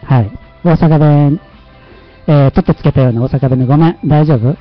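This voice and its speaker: A man's voice: a little high, fairly quick, muffled recording, soft background music. Chatty Kansai-accented man hosting a livestream. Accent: Kansai Japanese. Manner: chatty and self-mocking, laughing often. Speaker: livestream host. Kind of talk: casual livestream talk.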